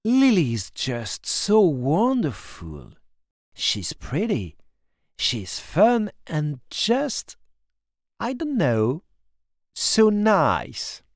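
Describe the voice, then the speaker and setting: A male storybook reader voices a sweet teenage girl gushing about a friend. Her praise comes out hesitant, with fillers. The delivery is slow and the sound is dry. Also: fairly high pitch, wildly swooping pitch, no echo, full character voice. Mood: admiring.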